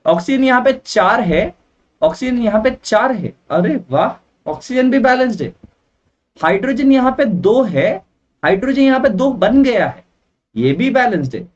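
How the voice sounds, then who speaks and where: Chatty male science teacher at a board. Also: sits high. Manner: chatty, mixes English phrases in, checks in with "ok, right?". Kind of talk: blackboard chemistry lesson. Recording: dull, from a distance.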